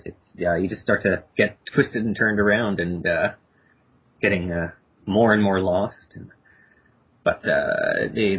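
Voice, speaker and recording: A man narrating a tabletop game as game master, halting and repeating words as he describes the scene. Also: on the low side, slightly rough. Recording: tinny phone-like podcast audio.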